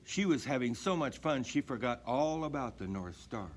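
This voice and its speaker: Guy reading a kids picture book, really lively pitch, some background noise. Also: moderate pace. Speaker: storybook reader. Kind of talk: animated children's story read-aloud.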